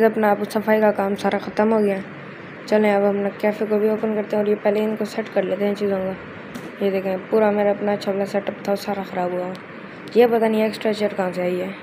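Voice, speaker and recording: Woman, gameplay commentator, chatty and casual, flat even delivery, noisy background. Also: medium pitch. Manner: chatty, keeps addressing viewers as guys. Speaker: gameplay video host. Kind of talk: casual let's-play commentary. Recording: steady background noise.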